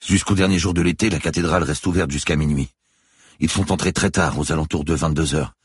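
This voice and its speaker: A man's voice: very deep voice, brisk, slightly rough, no room sound, clean studio sound, voice pushed up. A man reading an audiobook, voicing a nervous male cathedral sacristain who explains himself anxiously. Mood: earnest. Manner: anxious, pleading, explaining hurriedly.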